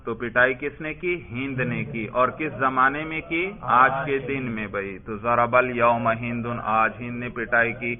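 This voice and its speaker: A man's voice: mid-range voice, steady tone, few pauses. A man teaching Arabic grammar in a classroom lesson, quizzing his students and calling them brother. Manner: quizzing, prompting students for answers; addresses listeners as brother. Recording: tinny phone-like lo-fi recording.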